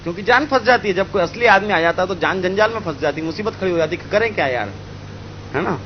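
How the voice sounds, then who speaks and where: A man from India telling a spiritual story in an animated way, acting out the characters. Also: high-pitched, quick pace, muffled recording, slight background noise. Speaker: spiritual speaker. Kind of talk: storytelling talk.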